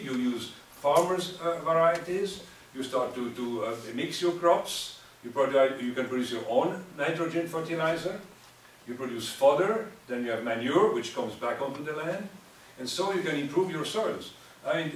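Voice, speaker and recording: An older man answering as a panelist in a seminar, emphatic and lecturing, often restarting his words. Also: on the high side. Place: seminar room with audience. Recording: echoey room, distant mic, faint noise.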